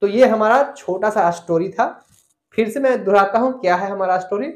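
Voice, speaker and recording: A man's voice: high-pitched, brisk. A man teaching an online grammar lesson. He explains step by step, repeats the key points and asks his students questions. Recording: echoey room.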